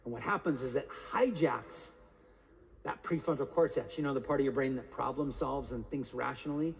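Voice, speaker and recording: A man giving a live motivational keynote, animated and quizzing the crowd with questions. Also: mid-range voice, moderate pace, creaky. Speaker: motivational speaker. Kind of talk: live keynote talk to an audience. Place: large conference hall. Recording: live hall with long reverb.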